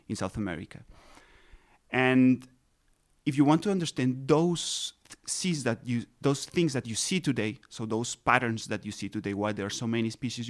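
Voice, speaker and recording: Colombian-raised man explaining science patiently. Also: mid-range voice. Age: 30s. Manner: explains patiently, many restarts and fillers. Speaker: ecologist guest. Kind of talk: interview answers, explanatory.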